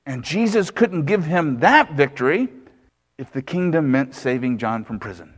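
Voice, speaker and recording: Pastor guy preaching, pitch swooping all over, a bit high, big echo from the hall. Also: lively intonation, moderate pace, husky. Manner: emphatic preaching with rhetorical questions. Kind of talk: sermon. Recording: long hall reverb.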